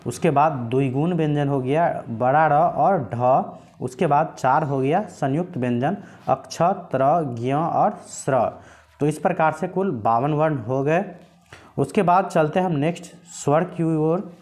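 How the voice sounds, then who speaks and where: A man with a slightly high voice teaches a grammar lesson. He talks patiently, repeats his points and asks questions that he answers himself. He draws out single sounds slowly as he names them. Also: darkish tone.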